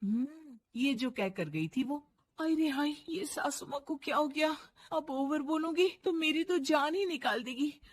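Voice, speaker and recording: A woman voicing a meek young daughter-in-law in a cartoon story, with a high, pleading, teary manner. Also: measured pace, no room sound. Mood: anxious.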